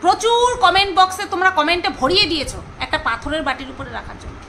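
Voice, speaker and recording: A woman chatting casually to her viewers, gossipy and talkative, often pausing to search for names aloud. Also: very high-pitched, expressive, bright, forceful tone, a little hiss or hum, rough recording. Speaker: vlogger reviewing a serial.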